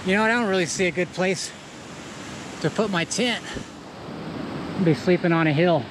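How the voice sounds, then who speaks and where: A man vlogging outdoors in a mountain canyon, talking to the camera in a plain, laid-back way while he sets up camp. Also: sits high. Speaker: hiking vlogger. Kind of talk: casual outdoor vlog narration. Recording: loud rushing water noise. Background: waterfall and stream roar.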